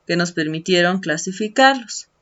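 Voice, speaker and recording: A woman's voice: lowish voice, lively intonation, normal speed, fairly bright tone. Patient woman teacher explaining a textbook. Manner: patient, explains step by step, adds "¿no?" tags; stretches out key words while writing. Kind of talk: online lesson walkthrough of textbook activities. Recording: dull lo-fi screen-recording audio.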